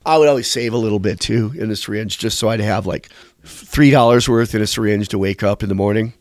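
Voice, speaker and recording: In a clean studio recording without echo, a man speaks in a lowish, slightly mellow voice at a brisk clip. He's a musician in an interview, spinning frank, meandering anecdotes peppered with casual swearing.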